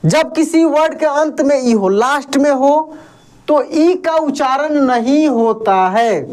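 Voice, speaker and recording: A woman's voice: sits high, darkish tone. A woman teaching beginner English phonics, patiently spelling out words letter by letter and asking her listeners to read each one back. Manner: slow, patient, repetitive.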